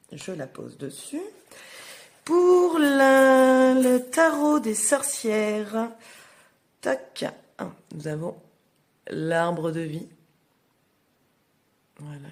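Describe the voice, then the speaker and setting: Slow, hesitant woman reading tarot. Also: low voice, gravelly, darkish tone. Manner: hesitant, many fillers, slow and halting. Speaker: astrologer and tarot reader. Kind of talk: casual tarot reading for viewers.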